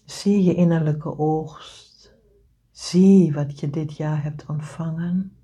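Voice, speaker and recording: A woman leads a guided meditation in a low, mellow, breathy voice. She speaks very slowly and gently, often sinking into a soft whisper. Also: steady tone. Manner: slow soothing delivery, often whispered.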